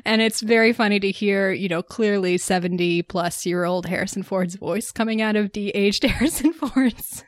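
A woman's voice: medium pitch, normal speed, few pauses, no echo. Woman rambling about a movie she saw, dry close mic, mid voice. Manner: chatty, thoughtful, laughs easily. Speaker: podcast co-host. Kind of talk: casual chat.

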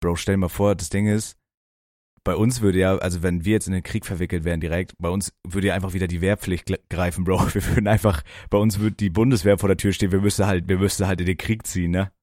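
Young man with a low voice, crude banter. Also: steady tone, fast, a little mellow, no room sound, clean studio sound. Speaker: podcast co-host. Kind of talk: casual chat.

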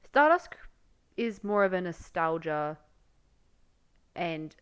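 Lively low-voiced young woman. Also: slow pace, clear, resonant tone. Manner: gushing and effusive, with frequent fillers. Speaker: podcast co-host. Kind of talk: casual chat.

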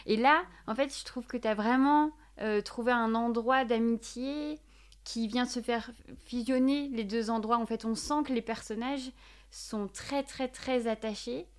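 A woman's voice: fairly high pitch, steady tone, a little slow, smooth. A woman hosting an interview, asking long, winding questions with many euhs. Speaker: host, interviewer.

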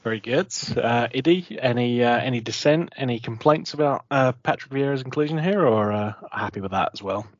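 A man's voice: mid-range voice, brisk, hardly any pauses, no echo. A man with an Essex accent, hosting a casual football panel talk. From Essex, England. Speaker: podcast host. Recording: dull, lo-fi close recording.

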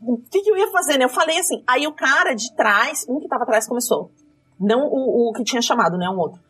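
A woman's voice: sits high, quick pace, slightly rough, distant mic, faint music behind. A woman, telling a dramatic story from her rideshare driving in casual chat. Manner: lively, dramatic retelling with quoted dialogue.

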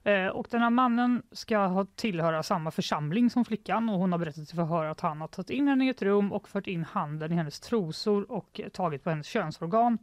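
A woman's voice: medium pitch, expressive, hardly any pauses, no room sound. A woman hosting a casual news podcast, relaying stories with wry, dry quips.

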